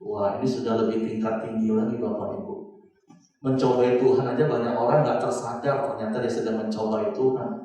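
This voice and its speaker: A middle-aged man preaching a sermon, talking lively to the congregation and acting out short jokey voices of churchgoers. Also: mid-range voice, brisk. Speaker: pastor. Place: church hall. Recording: very echoey church hall, mic off at a distance.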